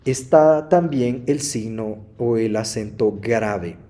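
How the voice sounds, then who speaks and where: A man teaching a slide lesson on New Testament Greek, explaining calmly and speaking straight to the viewers. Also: fairly low pitch. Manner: slow, explanatory, addresses viewers directly.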